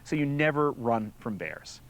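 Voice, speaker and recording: A man's voice: mid-range voice, unhurried. A man with a mid-range voice explains outdoor safety in an easygoing, explanatory tone. He drops in little acted-out lines to make his points. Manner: relaxed, explanatory, acts out little quoted lines. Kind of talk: informative explanation.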